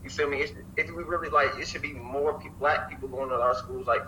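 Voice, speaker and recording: A young man from Alabama talking in an animated casual chat, swearing freely and often checking in with his listeners. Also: mid-range voice, fast talker, slight background noise, low-quality recording. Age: young adult. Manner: animated, swears freely, keeps saying "you feel me".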